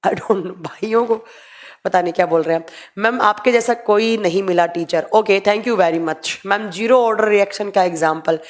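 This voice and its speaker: A young woman teaching biology in a live online class, reading students' chat questions aloud and answering them briskly while mixing in English terms. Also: medium pitch. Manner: mixes Hindi with English terms, brisk and matter-of-fact.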